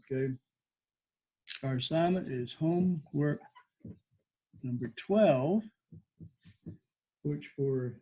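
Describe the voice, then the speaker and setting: A man's voice: mid-range voice, mellow, slightly rough, poor audio. A man teaching a recorded lesson in an informal, explanatory way, often checking in with short tags like okay and all right. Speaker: geometry teacher.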